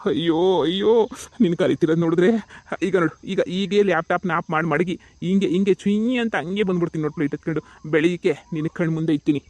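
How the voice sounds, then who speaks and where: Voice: mid-range voice, a little fast, darkish tone, no echo, natural voice. A performer voicing a boastful middle-aged father-in-law in a cartoon comedy, with an eager, playful way of talking. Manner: boastful and eager, full of playful sound words.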